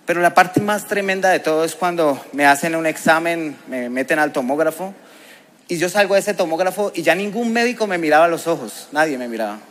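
Colombian man, preacher, fairly high voice, emotional storytelling, testimony sermon. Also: lively intonation, brisk, fairly bright tone. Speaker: preacher giving a personal testimony.

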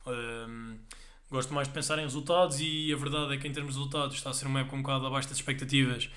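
A young man with a European Portuguese accent, a padel player chatting as a guest and telling stories in a lively way, quick to laugh. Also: mid-range voice. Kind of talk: casual podcast chat.

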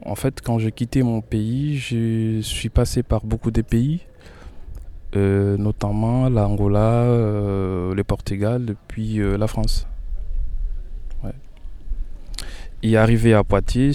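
A man's voice: lowish voice, fairly even intonation, takes it slowly, dark tone, clean tone. A young man from Congo telling his story in a radio interview, hesitant with many fillers and repeated words. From Congo (Kinshasa). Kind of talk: radio interview, personal testimony.

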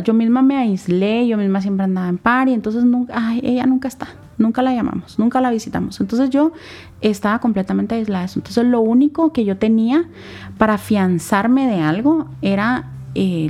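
Mellow-voiced Guatemalan woman, earnest testimony. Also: medium pitch. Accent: Guatemalan Spanish. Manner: earnest, reflective, speaks in short halting phrases. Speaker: interview guest. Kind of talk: personal testimony in a sit-down interview.

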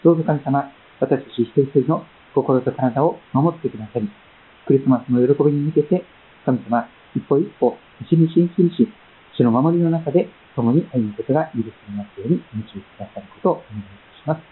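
A man preaching a sermon as pastor, reading scripture and praying in a measured, gentle way with frequent pauses and fillers. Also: mid-range voice. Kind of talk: sermon with Bible reading and prayer. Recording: tinny phone-like sound.

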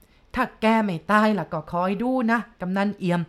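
A woman's voice: mid-range voice, normal speed, lightly acted. A woman voicing a boastful, stubborn rich old man in a told ghost story, speaking emphatically. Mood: defiant. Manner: emphatic, insistent.

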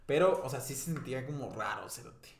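A young man tells a story in casual podcast chat, rambling, swearing often and breaking into loud laughs. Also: mid-range voice, fairly quick, echoey room. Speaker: podcast co-host telling a story.

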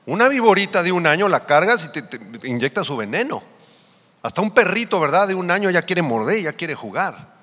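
A male pastor preaching a sermon, swinging between raised and hushed lines as he questions the congregation. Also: high-pitched, very animated, fairly quick. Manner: preaching with sweeping rises and drops, questioning the congregation. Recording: long hall reverb.

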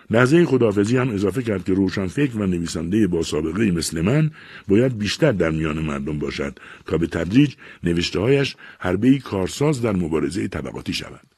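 A literary story is read by a male audiobook narrator whose delivery is measured yet expressive. He has a deep, husky voice with lively intonation, captured dry and close-miked without any room sound.

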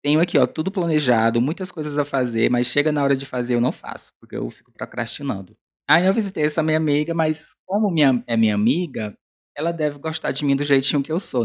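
Male Brazilian podcaster, mid-pitched with a raspy smoker's voice; chatty, digressive, confessional solo delivery. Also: darkish tone. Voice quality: hoarse, husky smoker's rasp. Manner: self-deprecating, chatty, digressive. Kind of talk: casual rambling confessional monologue.

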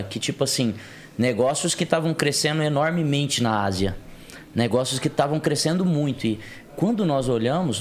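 A man explaining business matters in a measured way on a casual podcast. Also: mid-range voice. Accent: Brazilian Portuguese. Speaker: guest, co-founder.

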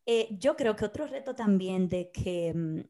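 On a laid-back podcast, this co-host from the Dominican Republic, a woman in her thirties, talks a little slowly in a mid-range voice. She tells stories with real animation, performing the quoted dialogue as part of casual chat.

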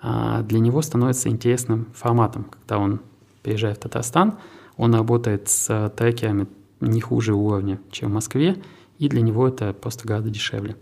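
A man who heads a tech park, answering interview questions in a measured, businesslike way with some restarts. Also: fairly low pitch, steady tone, gravelly, darkish tone.

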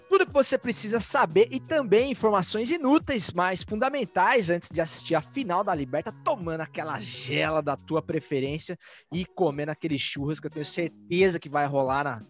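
Male podcast host, high voice, lively and jokey, faint music under. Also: moderate pace. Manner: animated, joking, many restarts. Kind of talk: casual chat.

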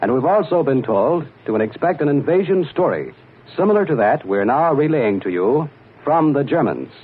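A man reading a formal wartime news bulletin in a measured announcer's delivery, heard as an old 1940s radio broadcast played from the archive. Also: a little high, big pitch swings, breathy edge. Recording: tinny narrow-band archival radio recording.

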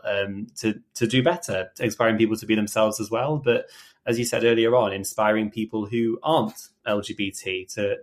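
A British man hosts a podcast in a low voice. He speaks in an emotional, reflective way, often stopping to restart a thought. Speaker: podcast host. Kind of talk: casual chat.

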